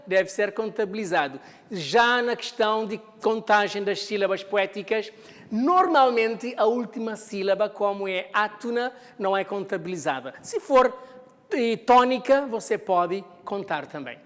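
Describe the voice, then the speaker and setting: A woman teaching a televised lesson, explaining step by step and putting questions to the viewer before answering them herself. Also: a little high. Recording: long reverb of a hall.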